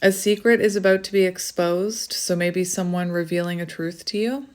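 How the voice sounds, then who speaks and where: A woman's voice: on the low side, steady tone, moderate pace. A woman with a slight lisp from wearing a retainer, doing a casual, chatty card reading in an effusive, giggly manner. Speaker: tarot reader hosting a card reading.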